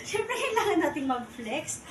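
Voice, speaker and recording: A woman's voice: sits high, lively intonation, moderate pace. A woman vlogger in a bubbly, teasing, playful chat, heard on a camera mic some distance away. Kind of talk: playful casual vlog chat. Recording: echoey room, voice from far off, background noise.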